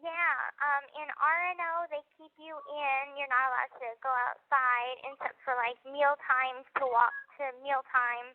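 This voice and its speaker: A woman's voice: high voice, flat delivery, a little slow, hardly any pauses. Young woman on a tinny prison phone. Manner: soft-spoken, hesitant with frequent ums. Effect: on a prison phone line. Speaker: inmate calling from prison. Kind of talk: casual phone conversation.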